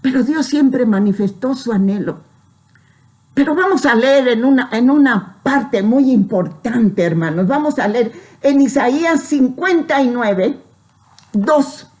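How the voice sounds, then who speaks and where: Female pastor, sermon delivery, measured slow pace, emphatic scripture reading, frequent "¿sí?" check-ins. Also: on the high side, animated, darkish tone. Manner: preaching with emphatic rises on scripture, frequent "¿sí?" tags.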